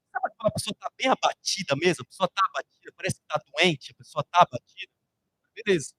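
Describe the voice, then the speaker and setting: A male preacher with a Brazilian Portuguese accent delivers a sermon woven with personal stories. His voice sits high for a man, and he often circles back on the same words and phrases. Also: rough recording.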